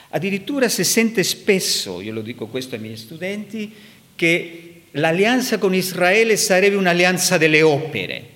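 Animated preaching man in a reverberant hall. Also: on the high side. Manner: animated, rising sharply for emphasis. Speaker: preacher and teacher. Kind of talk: sermon.

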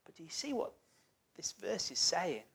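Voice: medium pitch, big pitch swings, moderate pace, vocal fry, slightly rough. A preacher giving a sermon, talking conversationally and putting questions to the congregation, with the voice often sinking almost to a whisper.

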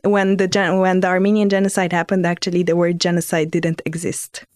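Young woman w/ telling her story on a podcast, smooth clear voice, dry close sound. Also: on the low side, completely flat delivery, brisk, a little mellow, no echo, soft background music. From Lebanon. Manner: earnest, thoughtful, often restarts phrases. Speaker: student guest. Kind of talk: reflective personal podcast storytelling.

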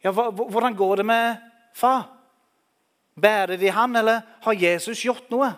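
A man's voice: sits high, fairly even intonation, a bit bright, pitched above the performer's own voice. An anxious mother, as a male preacher puts her on.

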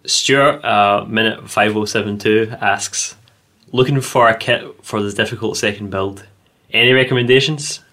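Bright-voiced, low-pitched man chatting. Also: normal speed. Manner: hedging, many ums. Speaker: podcast co-host. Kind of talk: casual chat.

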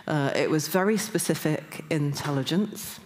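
Middle-aged woman preacher from Newcastle, low voice, earnest and self-deprecating, lots of ums. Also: normal speed, a little mellow. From Newcastle, England. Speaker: church speaker. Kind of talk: sermon.

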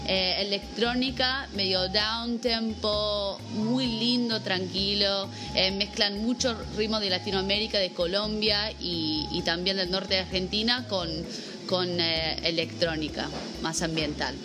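A woman's voice: medium pitch, unhurried, music in the background. A woman in her twenties from the United States, speaking Spanish with a Buenos Aires accent, easygoing and full of "eh" fillers in an interview. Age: 20s. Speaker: guest, music manager. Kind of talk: casual interview. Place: vegan café.

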